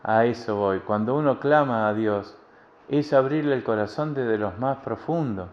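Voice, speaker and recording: A man's voice: medium pitch, normal speed. A male pastor with a Rioplatense accent giving a sermon in a plain, conversational way, often repeating phrases. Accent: Rioplatense Spanish. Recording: dull lo-fi recording with faint ambience.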